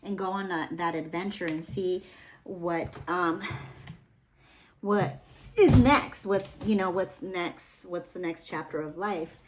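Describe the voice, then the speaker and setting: A woman's voice: lowish voice, steady tone, measured pace, a little hiss or hum. A young adult woman giving a casual, rambling tarot reading, full of fillers and asides. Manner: rambling, chatty, with many fillers. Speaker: tarot reader.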